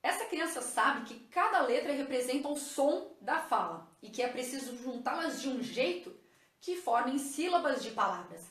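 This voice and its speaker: A woman's voice: high-pitched, sing-song, normal speed, fairly bright tone. A woman, a teacher explaining a lesson patiently to viewers and checking in with them as she goes. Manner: patient, addresses viewers as "gente", checks with "ok?" and "tá vendo?". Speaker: teacher and educational psychologist. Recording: echoey room.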